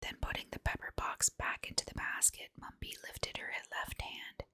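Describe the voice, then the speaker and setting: A woman's voice: moderate pace, bright, forceful tone. A woman reads a children's storybook under her breath in an ASMR style, in an unvoiced whisper.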